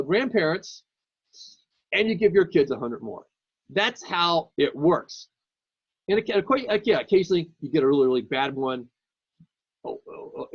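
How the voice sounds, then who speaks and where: A man lectures a class in a high, husky voice, chatty and casual. He stumbles over repeated words as he thinks aloud. The recording is dry and muffled, like a lo-fi mic. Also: dry recording.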